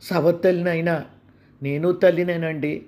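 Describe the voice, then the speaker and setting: A man's voice: high-pitched, moderate pace, darkish tone, pitched above the performer's own voice. A man voicing a stepmother who protests and wails melodramatically in a storybook reading. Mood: wailing. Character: worried stepmother, defensive and wailing.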